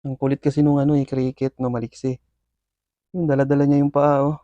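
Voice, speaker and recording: Excited man commenting on pets. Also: mid-range voice, a little fast, no room sound, muffled recording. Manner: excited play-by-play with frequent fillers, addressing viewers. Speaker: pet scorpion keeper and video host. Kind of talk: casual commentary while feeding pets.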